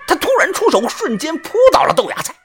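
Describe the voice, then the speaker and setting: A woman reading a suspense novel aloud with lively, dramatic narration over faint music. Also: sits high, quick pace, vocal fry. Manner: lively, acts out the tension. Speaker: audiobook reader.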